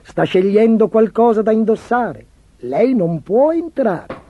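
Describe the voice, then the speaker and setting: Polite palace guard in a kids story tape, a guy doing the voice, raised pitch, muffled dull sound. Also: lively intonation, slow, no echo, exaggerated voice. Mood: apologetic. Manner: courteous, firm.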